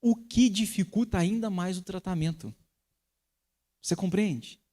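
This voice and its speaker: A man preaching a sermon as pastor, teaching with sharp, emphatic rises in his voice. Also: sits high, measured pace.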